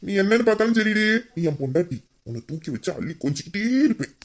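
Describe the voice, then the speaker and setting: A playful young husband teases his wife and will not let her go, as a voice actor plays him. His voice sits at a middle pitch. He coaxes her and often sinks into a soft, low murmur. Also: sing-song, fast. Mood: teasing. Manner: teasing, coaxing, drops to soft low murmurs. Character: playful teasing young husband, affectionate and persistent. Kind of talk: romantic audio drama.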